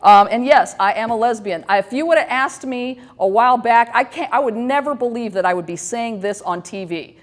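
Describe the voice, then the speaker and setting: Briskly and with few pauses, a talk show host in her fifties rambles through a casual monologue, joking about herself candidly and filling it with restarts and fillers. Her voice sits a little high.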